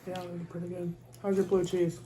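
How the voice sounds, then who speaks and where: A woman eating along in a mukbang, giving short, soft replies from away from the microphone. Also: fairly low pitch, flat delivery, brisk, background noise. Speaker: co-eater in a mukbang. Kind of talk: casual chat while eating.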